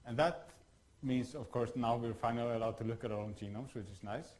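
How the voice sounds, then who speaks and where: A man from Iceland giving a workshop lecture, talking in a halting way with many fillers and restarts. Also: medium pitch, fairly even intonation, a little mellow, low-quality recording.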